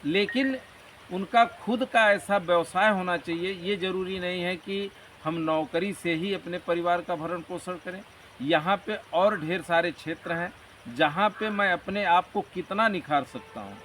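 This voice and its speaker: Man, higher-pitched, earnest motivational talker, recorded a bit off-mic with faint hiss. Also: measured pace, a bit bright. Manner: earnest, motivational, rambling explanations. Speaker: interview guest. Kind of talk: conversational interview. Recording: distant mic with faint background noise.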